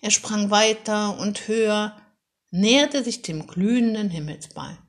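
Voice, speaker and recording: A woman reading a children's story aloud in a calm, measured and expressive way. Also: mid-range voice. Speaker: narrator.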